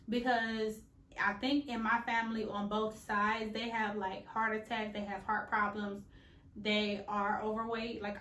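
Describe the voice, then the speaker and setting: A woman's voice: medium pitch, pushed and bright. A woman, chatting candidly and playfully in a casual vlog with slangy asides. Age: late 20s. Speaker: vlogger. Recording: echoey room.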